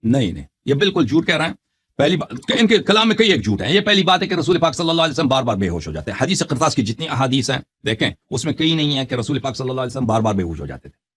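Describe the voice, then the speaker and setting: A man in a heated religious debate, forcefully quoting Arabic texts and accusing his opponent. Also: medium pitch, big pitch swings, breathy edge. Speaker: Shia debater.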